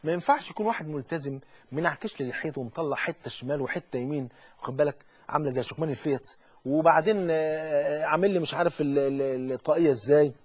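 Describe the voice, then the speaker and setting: A man with an Egyptian accent preaching a lively colloquial sermon, speaking straight to the listener and acting out the people he quotes. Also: a little high, slightly rough. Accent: Egyptian Arabic. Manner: animated, addresses listener directly, acts out quoted speech.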